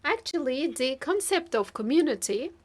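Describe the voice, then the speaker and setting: A simultaneous interpreter with a high voice renders a formal speech live, phrase by phrase. She halts between short chunks and draws words out as she goes, sounding very animated.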